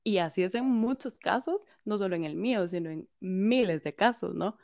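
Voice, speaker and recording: Woman, interview guest, animated storyteller who quotes others; dry, slightly muffled recording. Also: medium pitch, normal speed, creaky, dry recording. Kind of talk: personal story in conversation.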